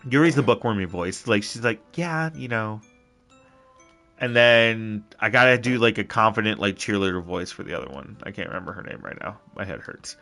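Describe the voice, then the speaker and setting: Young male let's-play host, a bit low and very bright, jokey and rambling, soft game music underneath. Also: fairly quick, hardly any pauses. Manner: loud, jokey, rambling, with bursts of shouting. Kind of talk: game commentary and reading dialogue aloud.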